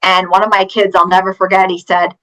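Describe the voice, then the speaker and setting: A woman from Pennsylvania with a bright, clear-edged voice speaks as a guest teacher and author. She answers earnestly and tells stories from her classroom with emphatic stress. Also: medium pitch, flat delivery, brisk, rough recording. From Pennsylvania, USA. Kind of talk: interview answers.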